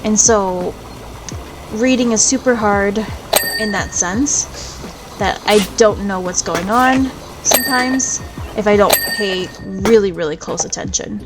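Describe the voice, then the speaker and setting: Woman, mid-pitched, rambling gameplay chat, music bed behind. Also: unhurried, rough recording. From United States. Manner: rambling and chatty, drifts between topics. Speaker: VTuber gaming streamer. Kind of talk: casual chat over gameplay. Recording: game music clearly underneath. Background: video game music.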